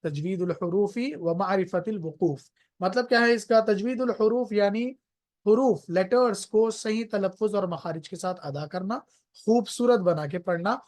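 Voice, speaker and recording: A tajweed teacher giving an explanatory religious lesson, patiently defining terms one by one with everyday examples and slowing down on English phrases. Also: medium pitch, darkish tone. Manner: slows down sharply on English phrases.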